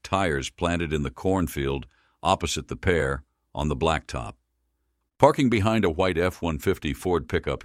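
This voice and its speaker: A man narrating an audiobook in a measured, deliberate reading. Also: extremely low pitch, no room sound, clean studio sound. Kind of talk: scripted narration.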